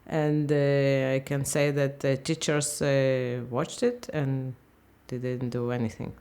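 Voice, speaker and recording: A woman in her fifties from Ukraine, speaking English, talks haltingly in a candid interview and often searches for words. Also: rumbling low, little pitch movement, warm tone, smooth. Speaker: interviewee, language teacher.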